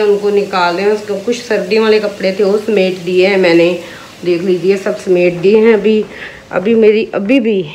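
There's a little hiss or hum behind her mid-range, slightly mellow voice. The speaker, a vlogger and mother in her thirties with a sore throat, films casually at home on a handheld phone in her kitchen and rooms. She chats with viewers like they're friends.

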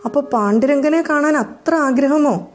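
A woman's voice: sits high, a little slow, soft background music, pitched above the performer's own voice. A woman voicing a playful, mischievous little neighbor girl who teases and coaxes in a raised voice. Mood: sly, playful. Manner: teasing, coaxing.

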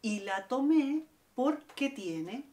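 A woman's voice: sits high, lively intonation, takes it slowly. A woman teaching a guitar lesson, explaining step by step and counting out the strums. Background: acoustic guitar playing.

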